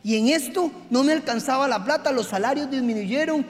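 A man preaching a sermon to his congregation, swinging from hushed confession to shouting. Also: very high-pitched, fairly quick. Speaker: pastor. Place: church hall. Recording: reverberant hall with faint music.

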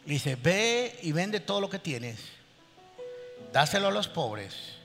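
A male pastor preaching a sermon, animated, acting out the people in his stories. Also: on the high side, slow, gravelly, long reverb tail, soft background music.

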